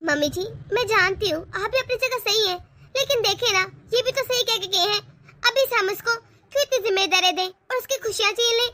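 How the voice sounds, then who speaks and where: A woman voicing a gentle young sister-in-law who talks in a soothing, indulgent way, in a homemade family drama. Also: very high-pitched, fairly quick.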